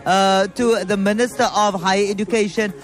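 A woman's voice: mid-range voice, steady tone, moderate pace. A woman with a Cape Town South African accent hosts a live radio outside broadcast in a chatty, conversational way, switching between languages. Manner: switches between English and Afrikaans. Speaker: radio host. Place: outdoor live broadcast at a city square.

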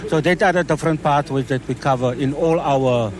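A man's voice: on the high side, a little fast, crowd noise. A man with a South African accent explains things courteously in a live radio interview, often repeating words for emphasis. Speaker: exhibitor, training authority representative. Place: outdoor event at a city square. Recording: clear outdoor urban background noise.

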